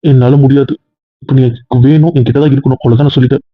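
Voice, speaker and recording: A man's voice: medium pitch, fairly even intonation, rapid-fire, no room sound. A young man playing the husband in a comic couple skit, stubborn and insistent, often raising his voice. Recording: dull lo-fi audio.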